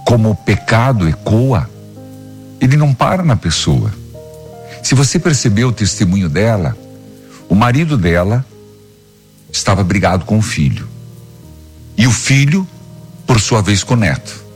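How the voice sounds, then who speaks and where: A man, a priest hosting a live radio program, preaching to listeners with fervent, scolding exhortations in a husky voice. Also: fairly low pitch, very animated, moderate pace, pauses often, faint music behind.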